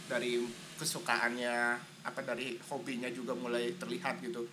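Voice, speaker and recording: A man's voice: mid-range voice, flat delivery, moderate pace, background noise. A young man co-hosting a casual podcast, agreeing often and chiming in with easy laughter. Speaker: podcast co-host.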